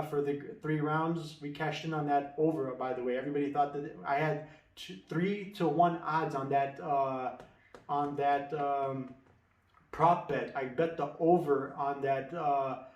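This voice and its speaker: A man's voice: a little high, darkish tone, distant mic. A man giving casual, confident fight-betting predictions, rambling with many restarts and fillers. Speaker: MMA betting tipster. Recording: echoey room, away from mic.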